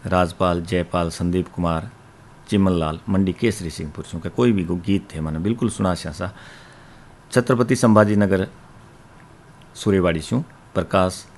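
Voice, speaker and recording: A man with a Rajasthani accent hosts a radio request show, reading out listener letters and reeling off long lists of names and places. His voice is low-pitched, with a slight hiss or hum in the recording.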